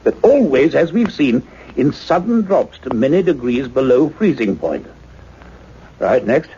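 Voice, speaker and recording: An actor voices an earnest male scientist doctor narrating his investigation in a radio play, speaking in a precise, formal manner with a medium-pitched, warm, very animated voice at an unhurried pace. He sounds pondering and intent, and the dull, lo-fi recording has a little hiss or hum.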